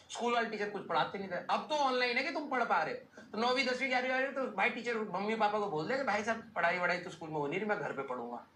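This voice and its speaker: A young man tells his class a rambling, joking tale from his school days. His voice is bright, and English phrases slip into his talk. The room is echoey, with a faint hum behind him. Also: very high voice. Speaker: teacher. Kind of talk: casual storytelling to students. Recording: roomy echo, faint background noise.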